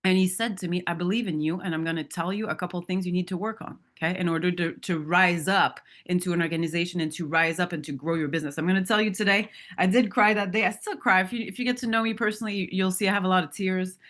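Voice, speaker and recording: A woman's voice: lowish voice, steady tone, fast talker, hardly any pauses, fairly bright tone. A woman in her thirties or forties giving a motivational talk to a sales team on stage, candid and storytelling, often asking the audience questions. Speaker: motivational speaker at a sales training.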